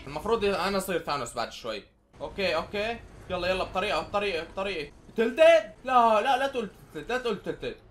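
A young man from Syria with a Syrian Arabic accent, commentating his own gameplay live, excitable and often shouting or pleading at other players. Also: high voice, slight background noise. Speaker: gaming YouTuber.

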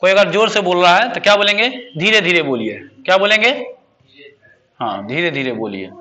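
A man's voice: sits high, animated, brisk, pushed and bright. A man teaching a spoken English class, quizzing students with repeated questions. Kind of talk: classroom lesson.

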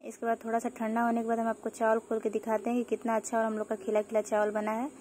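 A woman's voice: fairly high pitch, monotone, fast, a little mellow, a little hiss or hum. A woman hosting her home cooking channel, explaining each step in a chatty, repetitive way while she cooks in her kitchen, filmed on a phone. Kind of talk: casual cooking tutorial.

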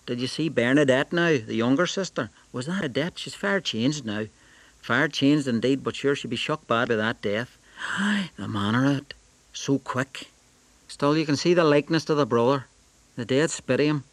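A male reader voicing older men gossiping at a funeral, in a slow, sing-song chant full of dialect phrases. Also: medium pitch, no room sound, pitched above the performer's own voice, natural voice. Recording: dry close studio sound.

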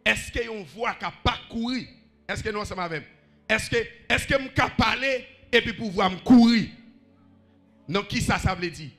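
A man's voice: sits high, normal speed, fairly bright tone, soft background music. A man with a Haitian accent preaching a sermon, rhythmically calling out questions to the congregation.

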